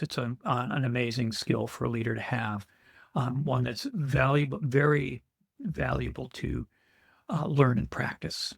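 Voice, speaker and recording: A man's voice: mid-range voice, creaky, slightly rough, no echo, studio quality. A man co-hosting a conversational podcast, thinking aloud and searching for his words. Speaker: podcast co-host.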